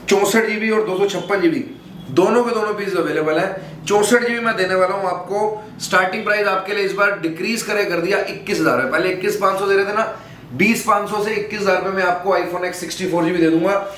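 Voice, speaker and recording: High-voiced man pitching phones in an echoey shop. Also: fairly bright tone. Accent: Delhi Hindi. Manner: brisk, repetitive price calls. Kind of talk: sales pitch showing products. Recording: echoey room, faint background noise.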